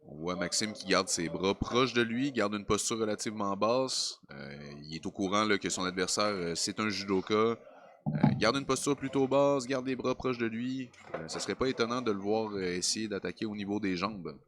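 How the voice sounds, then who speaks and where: Lowish-voiced Quebec male fight commentator. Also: moderate pace, fairly bright tone. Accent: Quebec French. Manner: colloquial, explanatory. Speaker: combat sports commentator. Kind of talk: live grappling commentary, analytical.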